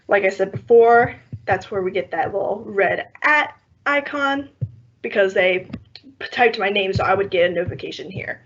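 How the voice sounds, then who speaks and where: A young woman who trains workshop teachers walks through a software demo step by step on an online call. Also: mid-range voice. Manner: steady step-by-step explaining with soft laughs. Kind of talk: screen-share software demo. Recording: slightly muffled online call audio with faint noise.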